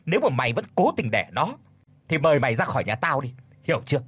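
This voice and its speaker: A man doing a shrill, cruel old mother-in-law. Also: huge pitch swings, a little slow, slightly rough, no room sound, heavily acted. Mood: furious scolding. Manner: harsh, scolding, shouting.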